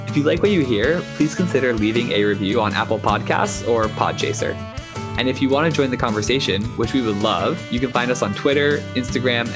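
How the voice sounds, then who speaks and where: A man hosting a podcast, asking friendly, halting questions and reading a closing outro. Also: medium pitch. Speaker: podcast host. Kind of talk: interview and scripted outro.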